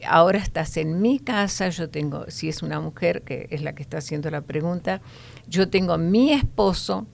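Deep gravelly older woman. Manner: measured, explanatory, many fillers. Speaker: host.

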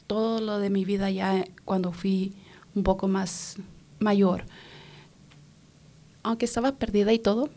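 A woman from Los Angeles giving her personal testimony in an interview, speaking haltingly, repeating words and slipping in English phrases. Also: mid-range voice, mellow. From Los Angeles, California.

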